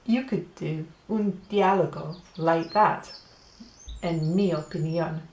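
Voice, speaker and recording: A woman teaching a beginner language lesson, explaining slowly and clearly and repeating words. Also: sits low, darkish tone, a little hiss or hum. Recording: echoey room.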